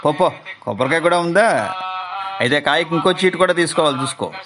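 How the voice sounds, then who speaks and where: A man's voice: fairly high pitch, animated, brisk, pitched above the performer's own voice, lightly acted. A man voicing a rude, dismissive temple guard who barks curt orders, with music behind him. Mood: brusque.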